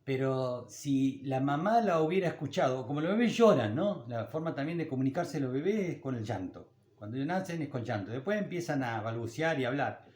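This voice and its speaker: Folksy older Argentine pastor, echoey room. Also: male voice, medium pitch, lively intonation, brisk, few pauses, a little mellow. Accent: Argentine Spanish. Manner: conversational, folksy, with anecdotes and small laughs. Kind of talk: sermon.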